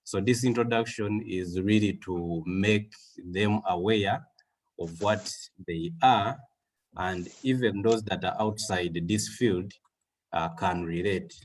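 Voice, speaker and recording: A guest speaker in his thirties from Western Uganda, with a low voice and a Ugandan English accent, delivers a measured webinar presentation over a video call, using frequent fillers.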